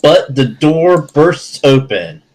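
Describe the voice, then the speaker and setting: A man's voice: fairly high pitch, big pitch swings, slow, a little mellow, low-quality recording. A man running a tabletop game as game master, narrating hesitantly with many fillers and restarts.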